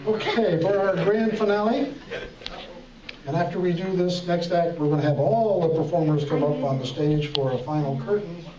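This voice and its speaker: High-voiced man, playful kids party magician. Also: moderate pace. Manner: playful, coaxing audience call-and-response. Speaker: stage magician and emcee. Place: echoey hall, talent show stage. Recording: echoey hall from far off, muffled, music and crowd.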